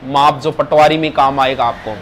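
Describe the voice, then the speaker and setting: A man's voice: medium pitch, fairly even intonation, moderate pace. Man teaching a grammar class. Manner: asks the class questions, stresses words.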